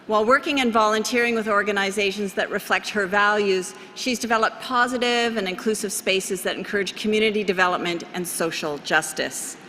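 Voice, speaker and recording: A woman's voice: medium pitch, fairly quick, few pauses, pushed and bright, a little hiss or hum. A woman introducing a student speaker at a university ceremony, poised and scripted. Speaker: ceremony presenter. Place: large convocation hall. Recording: hall reverb with crowd behind.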